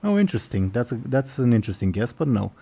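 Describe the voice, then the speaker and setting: A man's voice: medium pitch, very animated, fast, vocal fry, warm tone, husky. A man running a tabletop role-playing game as game master, narrating casually and putting questions to the players.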